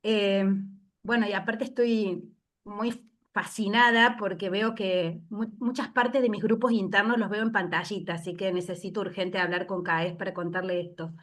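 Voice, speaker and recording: A woman giving an invited talk over a video call, moved and reflective, pausing often with fillers. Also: medium pitch, steady tone, a bit bright. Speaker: invited speaker.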